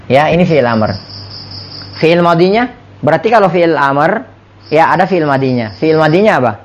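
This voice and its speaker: A man's voice: a little high, expressive, normal speed, slight background noise. Indonesian man teaching, repetitive and questioning. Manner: repeats words and asks students questions. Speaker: Arabic teacher. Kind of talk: classroom lesson.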